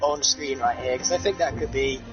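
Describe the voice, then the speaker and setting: A man's voice: mid-range voice, normal speed. A man giving wordy, emphatic live game-stream commentary in a casual, chatty way. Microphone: headset. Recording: muffled glitchy headset under loud music.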